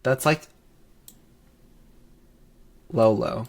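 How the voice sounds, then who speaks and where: A sassy young man in his twenties co-hosting a casual podcast, his voice a little congested from allergies. He talks in a lively, joking way and laughs often, at a mid pitch typical for a man. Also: drawn-out words. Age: 20s. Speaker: podcast co-host. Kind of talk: casual chat.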